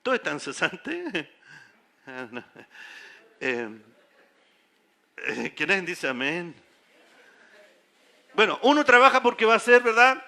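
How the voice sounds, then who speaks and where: Pastor guy preaching in church, high voice, really bright and sharp, keeps firing questions at the crowd. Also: sing-song, measured pace, gravelly, pauses often. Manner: emphatic preaching with rhetorical questions to the congregation. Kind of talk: sermon. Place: church sanctuary.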